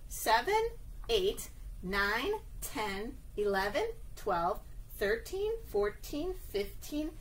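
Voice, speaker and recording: Reading a picture book aloud for small children, this librarian uses a high, slightly bright voice that swoops up and down. Her unhurried, sing-song delivery is sprinkled with little check-in questions, and the low-quality audio carries some noise.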